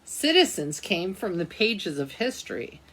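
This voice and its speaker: A librarian reads a picture book aloud at children's storytime, talking to the young listeners with questions and asides along the way. Her voice is lowish and a bit bright, with big pitch swings and a slightly slow pace. The recording quality is low.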